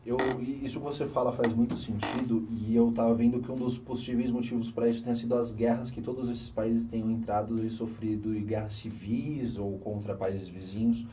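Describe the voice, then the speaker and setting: A young Brazilian man with a Brazilian Portuguese accent, hosting a casual conversation and thinking aloud with animated restarts. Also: medium pitch, brisk, few pauses, slight background noise. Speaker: host. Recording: voice a bit distant from the mic.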